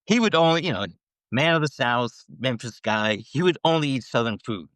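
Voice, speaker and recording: An older man spins loose anecdotes in an even mid-range voice, chuckling through the punchlines. The sound is close and completely dry. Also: medium pitch, normal speed, no echo. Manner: chuckling anecdote teller, trailing off into laughs. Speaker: guest cartoonist. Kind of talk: casual storytelling.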